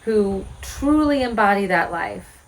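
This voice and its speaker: A woman around forty speaks straight to her viewers in a candid, reflective way. Her voice sits at an ordinary middle pitch. She keeps asking pointed rhetorical questions in an earnest, frank manner. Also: expressive, a little slow, poor audio. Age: 40s. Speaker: homesteading vlogger. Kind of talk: reflective direct-to-camera talk.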